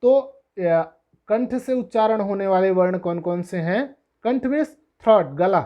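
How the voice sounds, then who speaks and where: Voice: mid-range voice, expressive, measured pace, dull audio. A Sanskrit teacher giving a lesson, repeating each letter one by one, asking questions and answering them, and adding English glosses for terms. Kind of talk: classroom-style lesson explanation.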